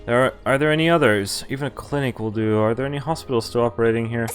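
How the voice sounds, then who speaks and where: Faint music underlies this man's quick, medium-pitched voice as he streams a visual novel. He reads the game's lines aloud and reacts with casual side comments in between.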